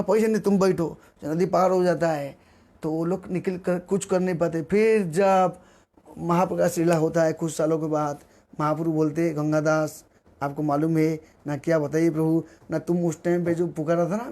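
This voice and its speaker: A man with a high voice preaches a devotional storytelling sermon. He acts out the voices in his stories, swinging his pitch and pace for each one. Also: normal speed, warm tone.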